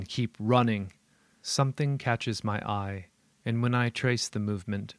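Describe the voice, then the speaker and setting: A male narrator with a low voice reads a first-person horror story in a steady, measured way. The recording is dry and close, with no echo or room around it.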